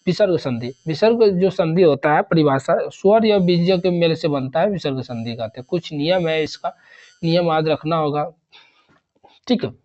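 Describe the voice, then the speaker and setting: A man's voice: on the high side, moderate pace, darkish tone, lo-fi sound. A man teaching an exam revision grammar lesson, rattling off examples one after another and repeating terms.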